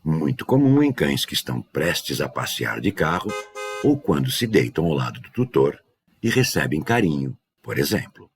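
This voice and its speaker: Man, dog trainer, scripted narration, measured explanatory tone, very low voice. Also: sing-song, breathy edge.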